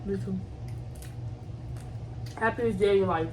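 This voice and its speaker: A woman's voice: medium pitch, unhurried. A woman chatting casually and informally in a playful, teasing way as she hosts a question game. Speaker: host of a couple's mukbang question game. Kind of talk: casual chat. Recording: distant mic, clearly noisy background.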